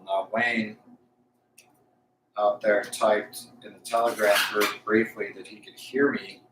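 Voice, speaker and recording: Echoey, distant, slow-talking man on Bluetooth mic. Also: on the low side, background noise. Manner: halting, thinking aloud. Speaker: live streamer. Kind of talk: casual unscripted talk while testing stream audio. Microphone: Bluetooth lapel mic.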